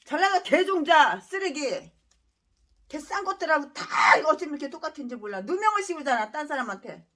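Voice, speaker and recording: Woman pastor, high voice, fierce preaching: angry rants, sudden shouts, slow stressed scripture reading. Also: big pitch swings. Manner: angry ranting with bursts of shouting. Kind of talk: expository sermon.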